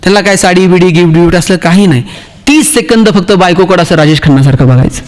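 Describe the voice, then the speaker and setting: High-voiced Marathi man giving a motivational talk. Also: fast talker. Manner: storytelling, acts out dialogue, jokes with the audience. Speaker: motivational speaker. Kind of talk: motivational speech with humorous stories.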